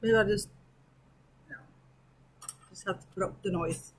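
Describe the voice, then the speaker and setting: A woman reviewing yarn on her crochet channel, talking in an unhurried, easy way. Her voice is a little husky, and she thinks aloud as she works, counting stitches under her breath. It is a relaxed home crafting chat. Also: mid-range voice, rough recording. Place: at home with an air conditioner running.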